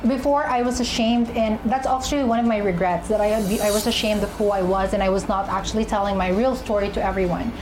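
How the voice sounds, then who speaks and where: A young woman, an actress and pageant contestant, candidly recounting her personal journey in an interview, often pausing to find her words. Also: medium pitch, steady tone, poor audio. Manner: candid, searching for words with fillers and restarts. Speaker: interviewee, actress and beauty queen. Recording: music bed underneath.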